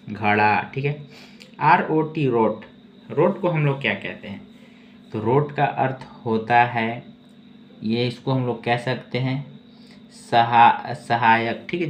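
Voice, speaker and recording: In a slow reading and spelling lesson, a man spells out each English word letter by letter, then repeats it, saying "okay" often between explanations. His voice is mid-range and a bit bright, captured in dull, lo-fi sound with faint ambient noise.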